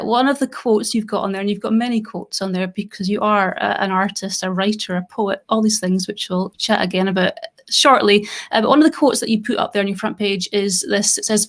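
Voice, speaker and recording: A woman hosting a live stream interview, upbeat and welcoming as she introduces her guest. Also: mid-range voice. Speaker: host.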